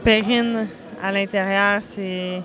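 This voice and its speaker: A woman's voice: medium pitch, steady tone, slow. A woman with a Quebec French accent giving casual, somewhat hesitant live commentary on a boxing match. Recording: heavy background noise.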